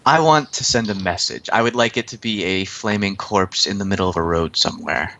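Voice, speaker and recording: A man's voice: low-pitched, brisk, creaky, pitched below the performer's own voice, exaggerated voice. A game master voicing a businesslike male fixer who hires runners in a tabletop role-play stream, speaking in his own plain voice. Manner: calm, plain-spoken, ruthless demands. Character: male Mister Johnson, cold businesslike corporate fixer.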